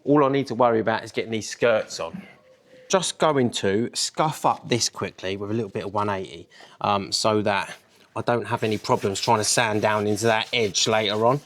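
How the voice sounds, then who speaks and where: A man's voice: lowish voice, moderate pace, fairly bright tone. Frank man in a workshop vlog. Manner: rambling, frank, swears when frustrated. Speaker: car builder filming his own project. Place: car workshop.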